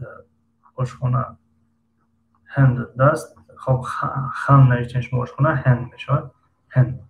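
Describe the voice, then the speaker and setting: A man teaches an English lesson, patiently calling on students by name. His voice has a gravelly edge. It sounds like an echoey room with a faint hum behind him. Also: mid-range voice, darkish tone.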